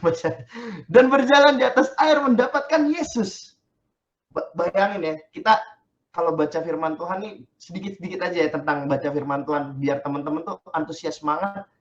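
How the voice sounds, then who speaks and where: A man's voice: high voice, highs cut off. A male pastor giving a chatty, joking sermon in casual slang and reading scripture.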